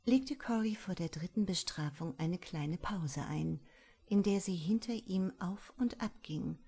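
A woman reading a story aloud as scripted audiobook narration, soft and measured. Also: fairly low pitch, breathy edge. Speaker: audiobook reader.

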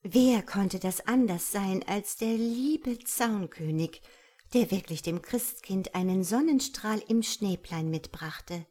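A woman narrates a fairy tale in an expressive, lilting storybook style. Her voice sits in a middle range. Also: medium pitch, takes it slowly. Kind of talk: storybook reading.

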